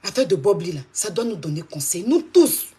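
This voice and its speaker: A woman's voice: lowish voice, expressive, fast talker, mellow, breathy edge. A woman hosting a live stream, talking straight to her viewers and repeating her points insistently.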